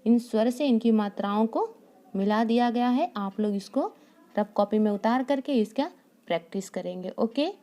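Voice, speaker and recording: A woman teaching a primary school class, speaking slowly and patiently and repeating key lines for young children. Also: on the high side, dark tone. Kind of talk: online class lesson.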